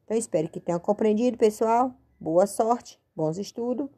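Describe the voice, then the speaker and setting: At a board, a Brazilian woman gives a slow, patient spelling lesson, stretching and spelling out each word at a normal speed. She has a Brazilian Portuguese accent and a warm, mid-range voice.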